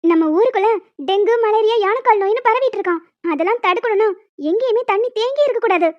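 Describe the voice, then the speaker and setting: Cheeky hostel schoolgirls, all done by one woman, chatter and tease each other in a cartoon. The voices are very high and quick. The sound is dry and close. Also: no echo, muffled recording. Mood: explaining. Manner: chatty, teasing.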